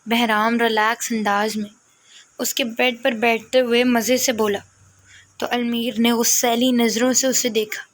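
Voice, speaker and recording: A woman reading a romance novel aloud in a steady storytelling manner. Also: a little high. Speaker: novel reader. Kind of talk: storytelling narration.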